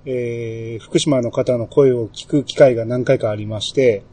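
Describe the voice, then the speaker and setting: A man with a Kansai accent hosting a casual podcast chat, relaxed and chatty, with many fillers and small laughs. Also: medium pitch, unhurried, husky, no room sound. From Kansai, Japan. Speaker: podcast host.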